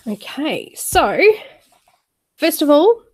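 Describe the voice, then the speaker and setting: Slightly nasal from a cold, a female YouTube coloring host chats with her live-stream viewers in a friendly, filler-heavy way. Her voice is high with big swings in pitch, stretched-out words, and a somewhat dark tone.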